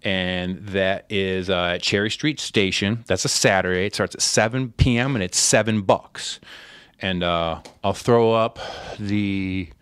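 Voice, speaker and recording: A man's voice: deep voice, measured pace, fairly bright tone, smooth, no room sound. A man hosting a podcast in casual chat, laid-back, rambling and swearing freely. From Connecticut, USA. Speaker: podcast host.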